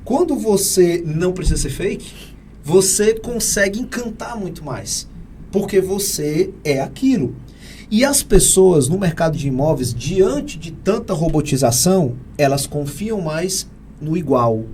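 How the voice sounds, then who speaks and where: A Brazilian Portuguese-accented man speaking as an interview guest, his voice high for a man and mellow in tone. He explains with energy and emphasis, like a teacher throwing out rhetorical questions. A faint hum of background ambience sits under the recording. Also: expressive, unhurried. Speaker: real estate AI consultant guest. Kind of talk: conversational interview answers.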